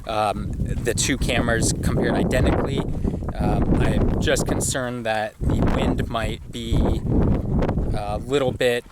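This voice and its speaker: A man's voice: mid-range voice, fairly even intonation, slow. A man giving a casual, explanatory camera test commentary as the host of a review video, speaking outdoors into an action camera microphone. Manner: explanatory, informal. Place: outdoors on a windy hilltop. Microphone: action camera built-in microphone. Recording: heavy wind noise, outdoor camera microphone. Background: loud wind noise.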